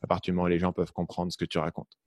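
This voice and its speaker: Host with a very deep voice and a blended French accent, dry recording, thoughtful questioning. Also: male voice, monotone, very fast, a little mellow, no room sound. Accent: mixed French. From France. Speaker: podcast host. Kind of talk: casual interview chat.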